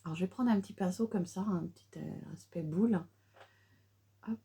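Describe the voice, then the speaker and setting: A woman's voice: lowish voice, normal speed, vocal fry, warm tone, breathy edge. A middle-aged woman chatting through a casual makeup tutorial, with many fillers and restarts. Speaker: beauty vlogger.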